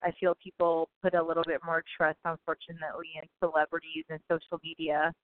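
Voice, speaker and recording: A woman's voice: sits low, level tone, fast. Chatty woman guest on a tinny line. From Guyana. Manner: chatty, laughs often, many ums. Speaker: guest, physician and author. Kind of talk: casual interview answers.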